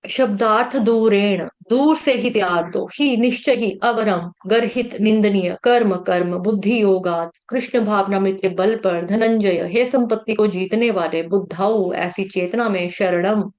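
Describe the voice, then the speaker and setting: A woman teaching a devotional scripture class, slowly chanting Sanskrit verses and patiently explaining how to pronounce them. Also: medium pitch, darkish tone.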